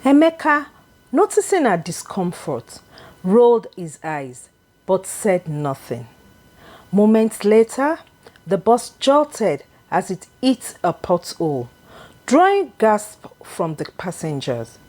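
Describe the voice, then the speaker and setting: In a mid-range voice, a woman narrates a scripted folktale, telling it deliberately with expressive, dramatic flair.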